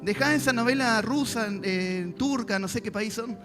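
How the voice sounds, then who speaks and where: A man preaches a church sermon in a strikingly high voice. He talks straight to the congregation and acts out little prayers and answers along the way. Music plays clearly underneath him. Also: normal speed. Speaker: pastor. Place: church service.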